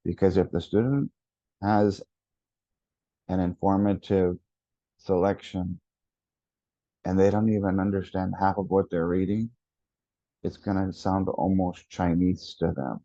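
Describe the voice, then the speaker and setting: A man giving a lesson to teachers, speaking deliberately and repeating key words for emphasis. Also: sits low, fairly even intonation, dark tone, no echo, muffled recording. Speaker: education consultant.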